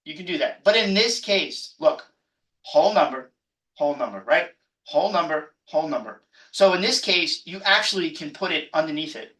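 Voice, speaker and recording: A man's voice: on the high side, animated, normal speed, pushed and bright. A man professor giving an exam review lecture, emphatic and jokey, often repeating himself. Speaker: math professor. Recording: echoey room, mic far off.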